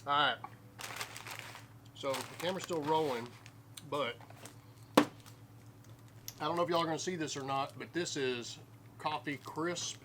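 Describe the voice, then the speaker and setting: A man's voice: a little high, a little slow, pauses often. Folksy Southern man munching snacks, background noise. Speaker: host of a family snack taste-test video. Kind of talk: casual chat while tasting snacks.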